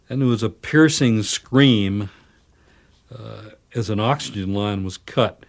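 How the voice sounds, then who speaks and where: A man recounting events in a documentary interview, measured and grave. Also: lowish voice.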